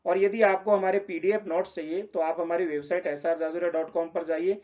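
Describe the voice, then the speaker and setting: A man's voice: high-pitched, fairly even intonation, fairly quick, a little mellow, lo-fi sound. A man explaining a lesson, patiently repeating example words. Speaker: teacher.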